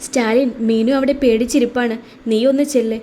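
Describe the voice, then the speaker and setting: A level-headed young man in a storybook romance, voiced by a woman narrator. He talks an angry friend down in a calm, urging way. The voice is high and soft-toned. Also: fairly quick, slight background noise, close to an everyday voice.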